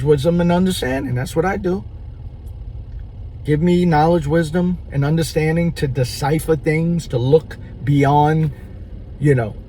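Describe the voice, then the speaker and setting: A man talks slowly through a casual vlog monologue while chewing gum, his voice sitting a bit high. He keeps checking in with the listener through rhetorical asides. Faint car noise hums behind him. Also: rough recording. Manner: animated, drawn-out, rhetorical asides with "right?". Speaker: vlogger.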